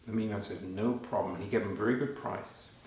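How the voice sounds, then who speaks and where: A man performing a story live for children, animated and talking to them directly, halting and repeating phrases as he goes. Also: fairly low pitch, creaky. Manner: animated, addressing children with questions. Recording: very echoey, reverberant room.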